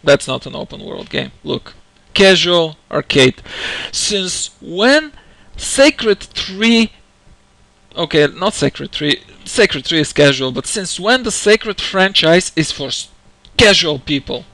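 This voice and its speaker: A man's voice: on the high side, big pitch swings, takes it slowly, creaky, pushed and bright, no echo, rough recording. A man delivering an angry, unscripted rant as video commentary, exasperated and indignant, hammering his points by repeating phrases. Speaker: gamer giving opinion on a game franchise.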